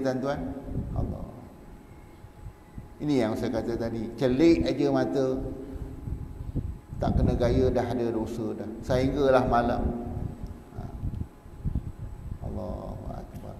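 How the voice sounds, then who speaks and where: Male Malaysian preacher, low gravelly voice, echoey hall, audible noise behind. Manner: pleading, rising to fervent cries in prayers. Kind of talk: mosque dawn lecture. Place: large mosque hall. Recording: echoey mosque hall recording with background noise.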